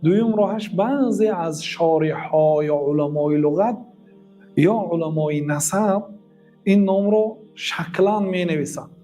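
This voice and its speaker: A man's voice: high-pitched, mellow, faint music behind. A man with a Tajik accent, an Islamic teacher giving a religious lesson who recites Arabic verses and translates them line by line.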